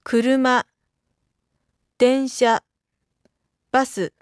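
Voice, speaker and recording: A woman reading out lesson vocabulary carefully, one isolated item at a time with pauses between. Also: sits high, fairly even intonation, clear, resonant tone, dry recording, studio quality. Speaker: Japanese vocabulary reader. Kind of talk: scripted word-list reading for a language lesson.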